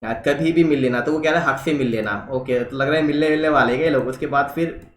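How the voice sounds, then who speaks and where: A man's voice: mid-range voice, fast, roomy sound, low-quality recording. A man hosting a reaction video, reading social media posts aloud and commenting on them in a casual way, mixing in English phrases.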